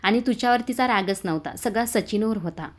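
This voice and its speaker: Woman voicing a gentle teasing father. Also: medium pitch, fairly quick, close to an everyday voice. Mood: soothing.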